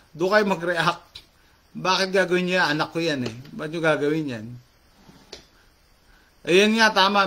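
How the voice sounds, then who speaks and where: A man's voice: sits high, sharp tone. A middle-aged man chatting casually to viewers as host, reading out comments and mixing English phrases into his Tagalog with frequent fillers. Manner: talkative, mixes English into Tagalog, many fillers.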